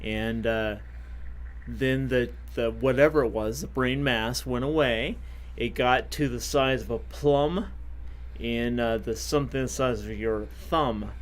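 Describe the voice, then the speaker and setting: Speaking with a medium-pitched voice, this fifty-something podcast guest recounts his personal story in a relaxed but stumbling way, full of filler words and corrections of himself.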